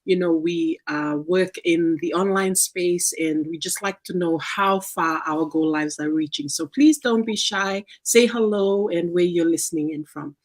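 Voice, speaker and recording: A woman's voice: fairly low pitch, steady tone, a little slow, hardly any pauses. A woman from Fiji hosting an online live-stream chat, welcoming viewers with frequent ums and uhs. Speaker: host.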